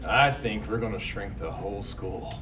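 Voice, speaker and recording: A man's voice: fairly low pitch, moderate pace, a little hiss or hum, natural voice. A man playing a scheming inventor who makes smug remarks in a school comedy skit. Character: scheming young male inventor. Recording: distant, echoey, loud music.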